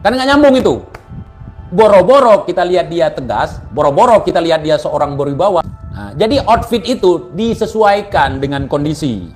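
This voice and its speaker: A man's voice: a little high, expressive, moderate pace, soft background music. A man giving casual spoken commentary in a mocking, scolding way, full of rhetorical questions.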